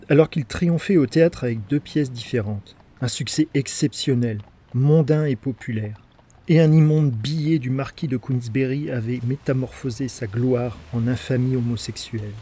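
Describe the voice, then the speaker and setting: Husky man reading a dramatic story. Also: mid-range voice, dark tone. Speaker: narrator.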